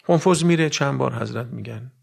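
A male preacher delivering a mourning sermon, his voice heavily gravelly and husky. He drops to hushed whispers, then rises to loud cries, and turns to speak directly to his listeners. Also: mid-range voice.

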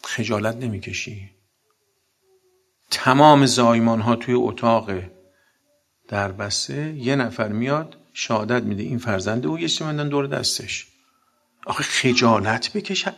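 Blunt, gravelly male preacher. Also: mid-range voice, fairly bright tone. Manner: blunt, combative storytelling with acted dialogue. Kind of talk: sermon with anecdotes.

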